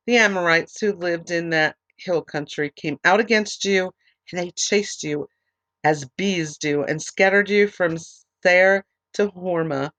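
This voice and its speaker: A woman leading a Bible study reads scripture steadily, then explains it loosely with lots of ums and restarts. She's losing her voice and sounds a bit hoarse, with a lowish, slightly bright tone and a slightly slow pace. She's recording dry on an online recorder with a computer setup.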